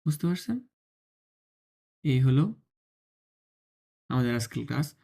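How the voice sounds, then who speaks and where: This teacher speaks, in a mid-pitched voice. They run an online lesson, drill each syllable again and again at a slow pace, and show where the tongue sits and how the breath comes out. They keep asking the learner whether it makes sense. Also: animated, creaky, warm tone. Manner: drills sounds by slow repetition, often checks understanding; demonstrates tongue and breath on camera. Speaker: Mandarin teacher.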